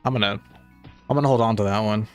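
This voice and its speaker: Talking fast in a lowish, slightly nasal voice with fairly even intonation, a young man casually reads chat on his game stream. His laid-back rambling is full of fillers, especially "like," and faint music sits in the background.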